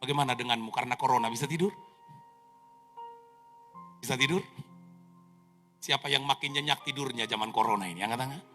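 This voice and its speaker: A man in his thirties preaching an animated sermon as pastor, telling stories dramatically with sound effects and jokes, in a reverberant church hall. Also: mid-range voice, fairly quick, long pauses, faint music behind.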